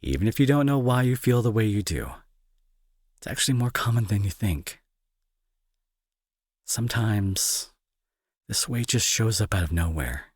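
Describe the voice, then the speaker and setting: A man plays a remorseful young bully turned anxious caretaker, speaking softly and hesitantly in a low, very husky voice. Earnest, reassuring and gently supportive, his pitch moves expressively at a moderate pace with frequent pauses. The close, echo-free sound gives it the intimate feel of a roleplay audio drama.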